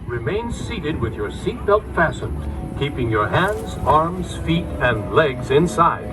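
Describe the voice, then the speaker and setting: A man's prerecorded ride announcement booms from an outdoor loudspeaker, his voice set fairly high and moving lively up and down. He delivers the safety instructions in a measured, polite way. He sounds distant from the mic, with music playing clearly behind him. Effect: played over an outdoor loudspeaker. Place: outdoor theme park ride.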